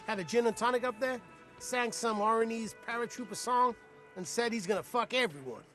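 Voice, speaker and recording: An actor playing a crude, excitable male dockworker in a video game. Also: extremely high pitch, brisk, faint music behind. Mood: agitated. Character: agitated male dockworker barfly storyteller.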